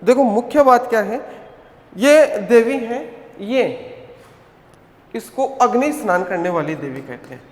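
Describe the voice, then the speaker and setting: Male coaching-class teacher, higher pitch, repeats questions for the class, echoey hall recording. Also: animated, measured pace, pauses often. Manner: drills students with repeated questions and answers; addresses students as "beta". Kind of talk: online coaching class lecture.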